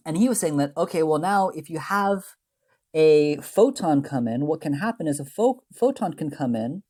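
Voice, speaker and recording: A man's voice: fairly high pitch, lively intonation, normal speed, darkish tone. A man teaching chemistry in a recorded lecture, talking through slides in a loose, rambling way, often checking in with a tag question and correcting himself mid-sentence. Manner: plays down the math. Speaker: chemistry instructor.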